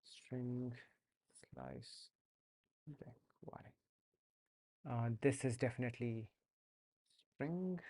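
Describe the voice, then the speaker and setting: A young man with an Indian accent chats casually while coding on a live stream, hesitating with many fillers and restarts as he learns to code. His medium-pitched, dark-toned voice swoops wildly in pitch, drawing out words and pausing often.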